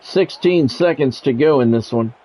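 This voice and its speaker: Mellow and husky, a mid-range male voice at normal speed gives live play-by-play on a football video game. He mixes the commentary with casual talk full of blunt, salty remarks.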